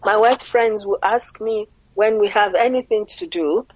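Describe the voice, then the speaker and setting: Earnest and fond of rhetorical questions, this middle-aged Nigerian interview guest talks conversationally in a Nigerian accent. Her mid-range voice is unhurried, and the audio is dull with no echo.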